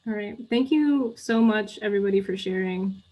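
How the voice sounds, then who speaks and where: A woman co-facilitating a live online training over a video call, calmly thanking participants and moving things along. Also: medium pitch, moderate pace, rough recording. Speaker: workshop facilitator.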